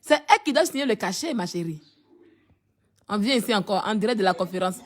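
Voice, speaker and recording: A woman's voice: mid-range voice, animated, quick pace. A woman giving mocking, repetitive live-stream commentary, often laughing as she talks. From Ivory Coast. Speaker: social media commentator.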